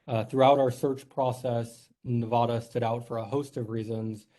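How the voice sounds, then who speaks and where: A man's voice: medium pitch, level tone, normal speed, mellow. A man from New York, a company executive giving a formal presentation at a board meeting, earnest and polite, with frequent "uh"s. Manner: earnest, filler-heavy, polite.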